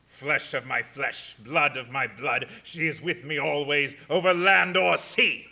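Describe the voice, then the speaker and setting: An actor playing a menacing, taunting vampire count in a live radio play, speaking in slow, ominous threats. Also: male voice, fairly high pitch, gravelly, bright, forceful tone, soft background music, exaggerated voice. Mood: taunting, triumphant.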